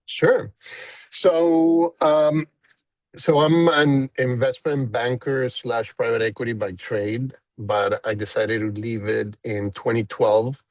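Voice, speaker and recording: Chatting informally as a guest on an interview, this fiftysomething founder from Costa Rica wanders through his thoughts with many fillers and a heavy Costa Rican Spanish accent. His medium-pitched voice is steady and slow, and the recording is dry but rough.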